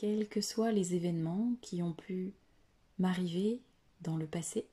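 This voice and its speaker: In a lowish, breathy voice that drifts toward a whisper, a woman leads a yoga nidra meditation. She is soothing and unhurried, pausing at length.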